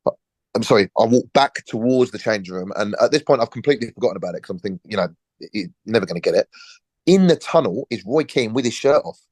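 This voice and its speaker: A man in his forties, a former footballer and podcast guest, telling a relaxed story and acting out the dialogue. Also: medium pitch, quick pace, dry recording. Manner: lively storyteller, acts out quoted dialogue, frequent restarts.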